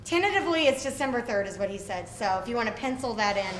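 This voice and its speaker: A woman's voice: fairly high pitch, lively intonation, fast. A woman hosting a club meeting, giving casual announcements in a chatty, upbeat way with fillers. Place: running store meeting room. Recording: echoey room, faint noise.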